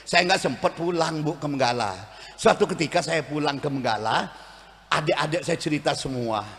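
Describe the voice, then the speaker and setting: A middle-aged man, preaching a humorous religious sermon with shouts for emphasis and acted-out quotes. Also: a little high, animated, normal speed, big-room sound.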